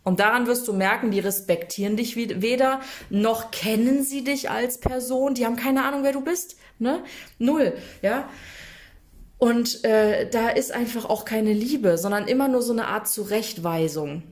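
A woman's voice: on the high side, normal speed. A woman coaching viewers in a casual, direct-to-camera advice talk, chatty and emphatic, often tagging her sentences with a questioning "ne?". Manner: addresses viewers directly and informally. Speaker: coach for people affected by narcissistic abuse.

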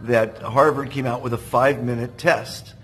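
A man's voice: medium pitch, fairly even intonation, normal speed, poor audio. A man interviewing a guest in a hotel cafe, talking enthusiastically and calling things fantastic. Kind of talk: casual interview chat. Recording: music playing under the speech. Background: music in the background.

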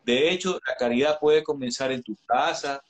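A man in his thirties, speaking at medium pitch and moderate pace, appears as a guest in an online interview heard over a video call webcam mic. In this earnest live-stream conversation he offers listeners advice, often hesitating and restarting.

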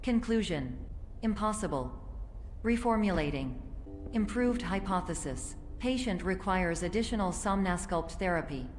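A malfunctioning female computer system, glitching through cold clinical announcements. Her voice sits low and robotic, flat in delivery. It rings with a long reverb over a faint background hiss. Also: moderate pace.

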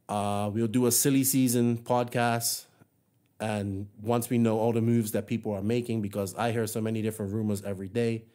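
The voice is a man's, medium in pitch with a darkish tone. Hosting his hobby podcast alone, this speaker from Bermuda keeps things casual and friendly, though he rambles and leans on fillers and restarts.

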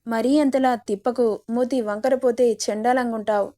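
A woman's voice: a little high, fairly even intonation, normal speed, dark tone, close to an everyday voice. A woman voicing an arrogant, domineering rich young man who owns a college, teasing and bossy in a story reading.

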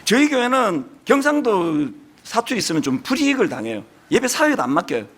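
A man's voice: sits high, big pitch swings, a little fast, fairly bright tone. A middle-aged male pastor with a strong Gyeongsang Korean accent, preaching a sermon in an earnest, emphatic way. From Gyeongsang region, South Korea.

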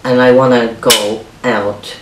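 A young man, native Arabic speaker, vlogs confessionally from his small kitchen at home, soft and unsure, stopping and restarting often. His voice is mid-range and his delivery flat. The recording comes from a camera on a stand a few feet away, sounding roomy and distant with faint hiss.

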